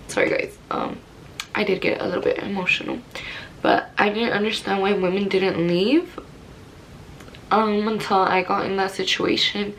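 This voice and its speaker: Young woman, middle pitch, chatty rambling vlog story, bit of low rumble behind. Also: poor audio. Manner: candid, rambling, many "like" fillers. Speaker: vlogger. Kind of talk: personal storytelling to camera.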